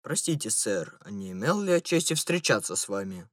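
A man reading an audiobook and voicing a loud, quarrelsome gentleman in a grey top hat who keeps demanding answers. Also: lowish voice, very animated, normal speed, no room sound, studio quality, voice pushed down. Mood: polite. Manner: shouting, indignant, insistent questioning.

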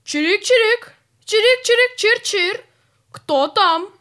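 A woman voicing a tiny male cricket in a storybook, chirping in high piping bursts. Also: animated, slow, a bit bright, heavily acted. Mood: chirpy.

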